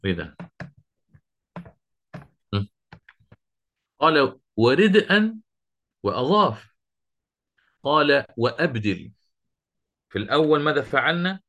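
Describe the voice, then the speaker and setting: A middle-aged man teaching Quranic recitation rules, explaining step by step, asking his students questions and reciting verses slowly. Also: medium pitch, lively intonation, sharp tone. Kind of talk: interactive lesson on Quranic readings.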